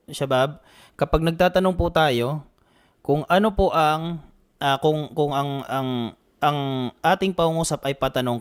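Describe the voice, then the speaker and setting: A man teaching an online Arabic grammar class with steady patience. He repeats each rule more than once and keeps checking that the students follow. He slows down carefully whenever he reads out an example phrase. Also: mid-range voice. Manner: patient, repeats points, frequent "naam" and "okay" checks. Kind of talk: online language lesson.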